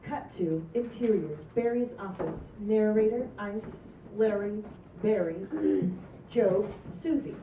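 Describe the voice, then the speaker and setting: Reading stage directions from a script during a group table read, this woman speaks slowly in a mid-range voice, with a plain and amused tone. The room recording is noisy, dull, roomy and distant.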